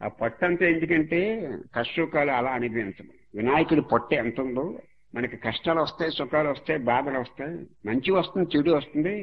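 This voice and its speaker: A man's voice: on the high side, fast, lo-fi sound, a little hiss or hum. A man giving a religious discourse as a spiritual teacher, moralizing and repeating each point to drive it home.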